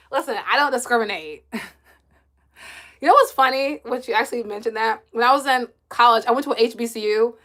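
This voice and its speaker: Brief: bright, high-pitched woman, friendly chatty livestream host reading comments, quick laughs. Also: a little hiss or hum. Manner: chatty, laughs often, answers viewers directly. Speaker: livestream host and kids' coach. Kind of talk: casual live-stream chat reading comments.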